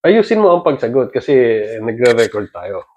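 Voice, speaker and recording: A man's voice: mid-range voice, sing-song, normal speed, a little mellow, dull audio, a little hiss or hum. A middle-aged father filming a casual family vlog, playful and teasing, often laughing. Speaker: father and vlogger.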